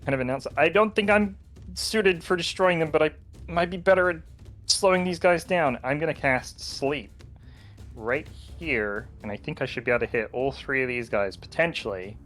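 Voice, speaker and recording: A man's voice: a little high, normal speed, fairly bright tone, faint music behind. A man playing a tabletop game, explaining his moves in a thoughtful, tentative way. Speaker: player.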